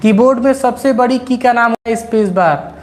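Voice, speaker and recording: A man's voice: extremely high pitch, fairly quick. A man teaching computer basics. He repeats key points and teasingly scolds his students. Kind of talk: classroom-style lesson.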